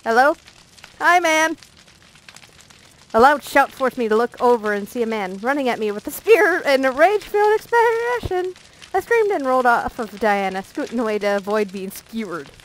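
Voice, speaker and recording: A woman's voice: sits high, expressive, normal speed, a little hiss or hum, rough recording. A woman reading a visual novel aloud as a let's play narrator, playful and breaking off for jokey asides.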